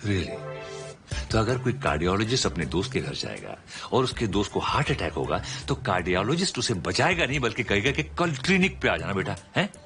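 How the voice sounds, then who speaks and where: A man's voice: on the low side, a little fast, soft background music. An actor playing a blunt male friend who teases in a mocking, joking way. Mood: teasing. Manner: mocking, animated. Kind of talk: film dialogue.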